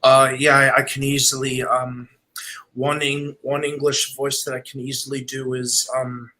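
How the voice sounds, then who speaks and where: A voice actor speaking hesitantly, with many "uh"s and repeated words. His voice is bright and keeps to a flat, even line. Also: medium pitch, measured pace, low-quality recording. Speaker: voice actor and musician. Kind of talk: casual chat.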